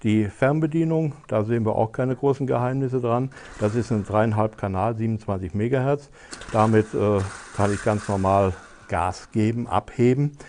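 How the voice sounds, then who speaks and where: A man's voice: fairly low pitch, moderate pace, darkish tone, a little hiss or hum. A man hosting a tech advice show, casually demonstrating a gadget step by step with frequent hesitation fillers.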